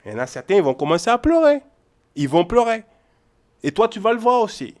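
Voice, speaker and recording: A man teaches the Bible informally in a high, sing-song voice at a slightly quick pace. He repeats his points with emphasis and keeps checking in with his listeners, tossing out "ok?" and "hein?" again and again.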